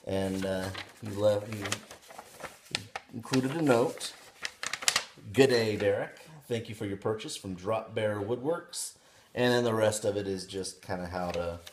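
A man in his thirties chatting casually on his living room couch, showing off pipe bowls with excited, rambling talk full of restarts. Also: fairly low pitch, a little hiss or hum. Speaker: pipe hobby vlogger. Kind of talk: casual unboxing vlog.

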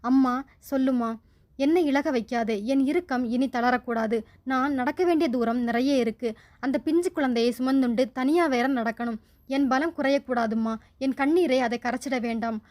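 Young widow, bitter, defiant, sharp-tongued, high-pitched, read by a woman. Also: normal speed, close to an everyday voice. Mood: pleading. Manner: sharp, cutting retorts.

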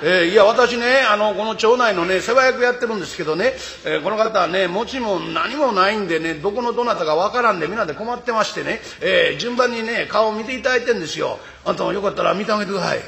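A man's voice: sits high, quick pace, creaky, hardly any pauses, pushed and bright, heavily acted. A man with a Kansai accent voicing a polite, fussy middle-aged neighborhood organizer in a rakugo story, patiently explaining.

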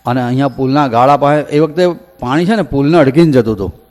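A man telling a devotional story in a folksy, animated way, acting out the villagers' voices. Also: medium pitch, quick pace. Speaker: katha storyteller. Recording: echoey hall reverb.

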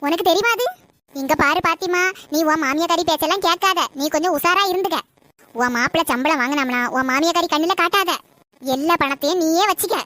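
A woman playing a shrill scheming granny. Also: quick pace, pushed and bright, no room sound. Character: meddling scheming old grandmother. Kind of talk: comedy skit acting.

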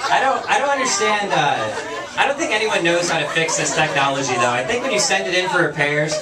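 A young adult comedian with a fairly high voice performs a casual stand-up set on a small bar stage, slipping into quick character asides as a lively crowd laughs. He's on a handheld mic but captured by a far camera, distant and echoey across the room.

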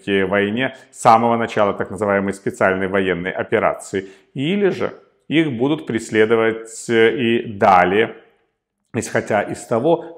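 A man delivering a solo political commentary in a measured way, pausing often with hesitation fillers. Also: lowish voice.

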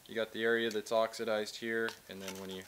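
Working in a big indoor workshop, a man in his thirties demonstrates a task step by step, explaining it plainly and casually like a tradesman teaching. His fairly low voice stays level and moves at a quick pace, recorded on a close camera mic amid background noise.

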